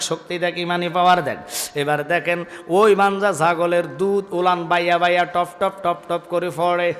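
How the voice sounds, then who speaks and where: A male preacher, giving a sermon that shifts between chanted, sung lines and quiet asides to the crowd. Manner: swings from sung, stretched shouting to low, quiet talk with the crowd. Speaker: preacher at an outdoor religious gathering. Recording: long reverb through loudspeakers, faint music.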